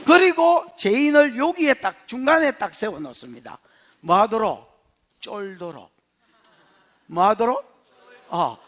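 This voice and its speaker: A man's voice: very high voice, fairly bright tone. A man preaching an expository sermon as pastor, quizzing the congregation and acting out little dialogues. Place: church sanctuary.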